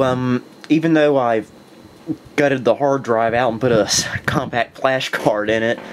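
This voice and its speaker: A man's voice: medium pitch, slight background noise. A young man hosting a video, worn out and a little winded, talking in a chatty, enthusiastic way that often stops to restart a thought. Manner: chatty, self-correcting, enthusiastic. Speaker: vintage computer video host. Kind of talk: casual talk to camera.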